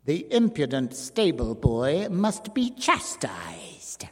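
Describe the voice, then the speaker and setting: A man reading a story aloud, voicing a cold, vengeful circus dwarf who speaks grimly and deliberately. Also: a little high, big pitch swings. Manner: grim, measured. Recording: long hall reverb.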